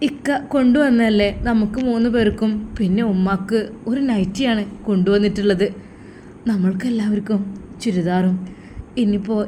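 A woman's voice: medium pitch, dark tone, a little hiss or hum, natural voice. A woman voicing a caring younger sister who talks earnestly and coaxes her sibling. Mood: coaxing. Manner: earnest, coaxing.

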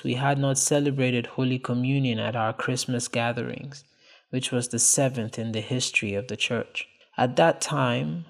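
Male narrator, gravelly, mid pitch, measured solemn read of a first-person account. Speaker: narrator reading church history.

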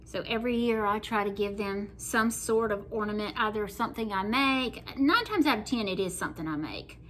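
Brisk and expressive, this medium-pitched, slightly bright voice belongs to a middle-aged woman with a Southern US accent. She hosts a painting tutorial at her home kitchen table, chatting in a folksy way while she works, with a little hiss or hum audible.

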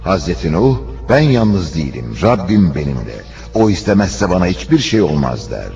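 A man narrates a religious cartoon in a solemn, declamatory storytelling manner, voicing quoted speech from the script. His voice sits low with a sing-song lilt and a darkish tone, moving at normal speed. The lo-fi audio sounds dull, with faint music in the background.

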